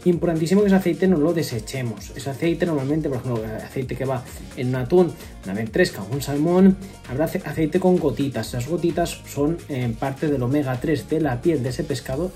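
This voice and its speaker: Mellow-voiced man explaining nutrition tips. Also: mid-range voice. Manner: explains step by step, frequent fillers and self-corrections. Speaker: nutrition vlogger. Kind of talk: casual explanatory vlog. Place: home room with wooden ceiling, indoors.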